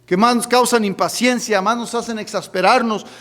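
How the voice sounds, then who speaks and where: A man preaches a midweek sermon in a very high voice, firing questions at the congregation and pressing each point until it swells to a shout. His voice rings through a church sanctuary with a long, trailing reverb. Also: fairly even intonation, normal speed. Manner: preaching with repeated calls of "hermano" and questions to the congregation; fervent, rising to shouts. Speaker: pastor. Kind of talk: midweek Bible study sermon.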